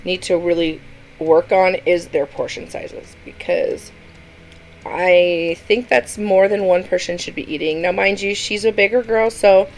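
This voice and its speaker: A woman's voice: fairly low pitch, unhurried, low-quality recording. A woman hosting a reaction video, chatting casually and giving her opinions with many fillers.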